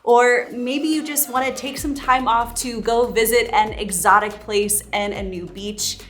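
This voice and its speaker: A woman's voice: on the high side, fairly even intonation, unhurried, a bit bright, faint music behind. A woman co-hosting a casual vlog, playful and giggly, who tends to ramble. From United States. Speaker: co-host of a couple's vlog.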